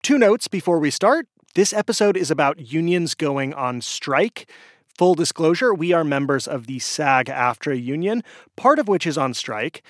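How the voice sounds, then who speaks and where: A man's voice: on the high side, no echo, studio quality. A man hosting a radio show, narrating a story in a scripted, storytelling way. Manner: lively, storytelling delivery.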